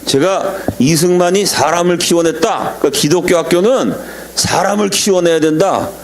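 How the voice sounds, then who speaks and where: A middle-aged man, a pastor, preaching a lecture-style sermon, telling stories animatedly and acting out quotes in sudden high shouts. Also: normal speed.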